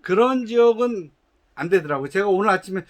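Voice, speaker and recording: Fairly quick and lively in intonation, a high-voiced man explains how to test his shoe company's product. His instructions are patient, polite, and formal, though broken by frequent hesitations and restarts.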